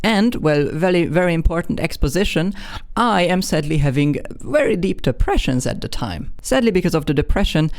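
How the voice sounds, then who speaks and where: A man's voice: fairly high pitch, gravelly, a little mellow. A young man in his twenties from Hungary with a Hungarian accent, telling an embarrassing personal story in a candid, self-mocking way with frequent restarts. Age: 20s. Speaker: vlogger.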